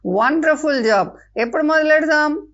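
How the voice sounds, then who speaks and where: A woman voicing a lively young calf who pleads in a bright voice. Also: high-pitched, moderate pace, pitched above the performer's own voice. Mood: pleading. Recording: dull lo-fi with faint music.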